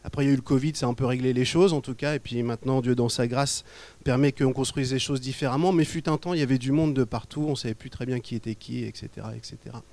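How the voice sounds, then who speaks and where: A man from Normandy preaching to his congregation, a pastor who tells stories in a loose, conversational way and often drops to quiet asides. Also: medium pitch, fairly even intonation, fast. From Normandy, France. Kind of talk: sermon with storytelling. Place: church.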